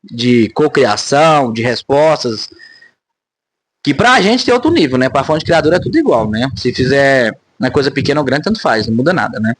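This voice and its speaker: A man's voice: mid-range voice, animated, normal speed, breathy edge, dry recording. A man, talking casually to camera in a rambling vlog monologue, often ending phrases with tag questions. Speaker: spiritual vlogger.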